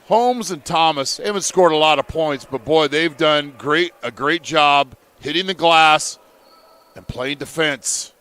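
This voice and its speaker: A man calling a live college basketball game play by play, in measured, steady calls. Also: a little high, smooth. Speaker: play-by-play commentator.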